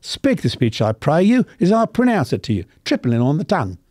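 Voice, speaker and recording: A man's voice: fairly high pitch, wildly swooping pitch, a little fast, darkish tone, no room sound, studio quality, voice pushed up. A man voicing a working-class English man who recites Shakespeare with an earthy rhythm.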